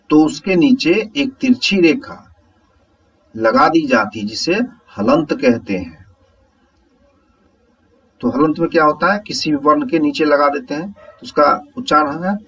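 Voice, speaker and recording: A man teaching a Hindi grammar lesson, explaining slowly step by step and asking the viewers whether it is clear. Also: a little high, far from the mic, low-quality recording.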